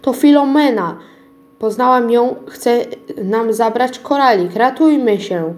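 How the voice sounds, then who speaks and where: A woman voicing a brave, kind little girl in a storybook reading, lifting her voice higher and brighter. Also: a little slow, natural voice. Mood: alarmed. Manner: bright, raised girlish voice.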